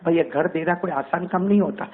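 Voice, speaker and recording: A man preaching a sermon to women, telling a story dramatically and rising to cries when quoting. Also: high voice. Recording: tinny phone-like sound.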